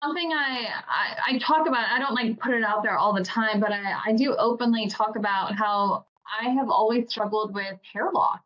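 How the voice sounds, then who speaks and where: Earnest woman host, lo-fi audio. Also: fairly high pitch. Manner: earnest, halting with restarts and fillers. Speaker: podcast host. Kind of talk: casual interview chat.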